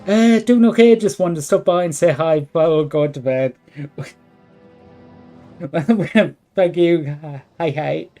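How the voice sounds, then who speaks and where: A live streamer with a hoarse voice on the high side drawls through relaxed game commentary, sounding worn from hours of talking. He thinks out loud at an easy pace and chats with viewers, faint music playing behind him.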